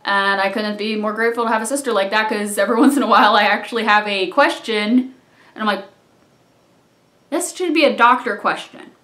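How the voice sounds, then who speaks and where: A young adult vlogger sits on a couch in a small living room, telling a rambling personal story for a casual storytime vlog. The mid-range voice moves a little fast, chatty but dropping into mumbles and quiet asides. A tripod-mounted camera a few feet away picks it up in an echoey room.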